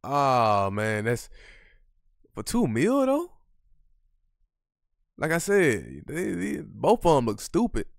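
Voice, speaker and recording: A man's voice: medium pitch, wildly swooping pitch, slow pace, creaky, pauses often, dry recording, clean studio sound. A man hosting a reaction show, commenting casually in slang and addressing his viewers. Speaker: host.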